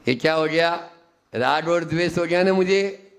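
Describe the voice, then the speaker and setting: A man's voice: a little high, gravelly. A man, a Jain monk, giving a sermon at a teaching camp, asking his listeners questions and acting out little voices as he explains. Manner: teaching, asks the audience questions and acts out quick voices. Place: teaching camp hall with audience.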